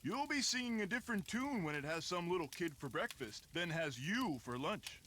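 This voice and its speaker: A gruff, boastful middle-aged Canadian construction worker from a mystery game. He talks high and bright, swinging his pitch all over as he brags. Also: sing-song, moderate pace, a little hiss or hum, heavily acted. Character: folksy middle-aged male construction worker, lodge guest. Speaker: game character.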